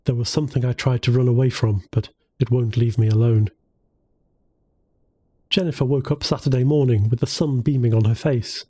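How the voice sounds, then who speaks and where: A man narrating a novel as an audiobook in a steady, even storytelling manner. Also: mid-range voice, moderate pace, breathy edge.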